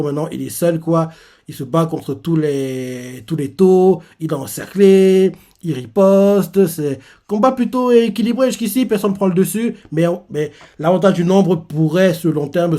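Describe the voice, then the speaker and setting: A man's voice: a little high, warm tone. A man recapping a manga chapter in a casual live reaction, rambling with lots of fillers. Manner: rambling, filler-heavy retelling.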